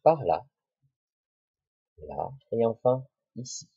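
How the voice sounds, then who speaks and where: A male teacher talks young children through a lesson, slow and deliberate, repeating words and syllables. His voice is mellow and a little husky. The recording is dull, lo-fi and dry. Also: medium pitch, sing-song, dry recording.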